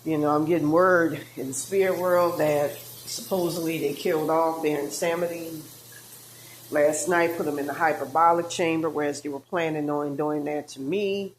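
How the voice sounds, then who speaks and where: A tarot reader with a low-pitched voice rambles loosely at normal speed and in a steady tone, stopping, restarting and using many fillers. She sounds woozy and out of breath, and a faint hiss runs beneath the recording.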